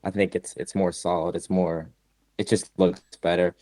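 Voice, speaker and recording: A man's voice: sits low, level tone, moderate pace, a little mellow, no room sound. A man speaking as a guest in a casual podcast chat, easygoing and hesitant with fillers like "uh" and "like".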